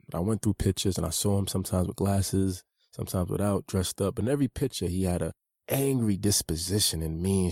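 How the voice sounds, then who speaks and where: Reflective and sincere, this American author reads his own memoir aloud at a steady, personal pace. He speaks with a deep, gravelly, dark and mellow voice, recorded close and dry with no room sound.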